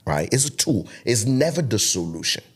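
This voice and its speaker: A guest content creator in a podcast interview, this man in his thirties grew up in Togo speaking French first and has a French West African accent. He preaches emphatically in a mid-range, slightly breathy voice that swings widely in pitch, at normal speed.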